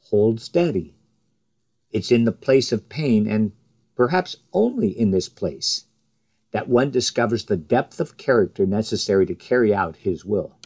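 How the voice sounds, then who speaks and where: A man preaching a sermon in a slow, measured way, his voice rising with emphasis on the quoted cries. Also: medium pitch, darkish tone.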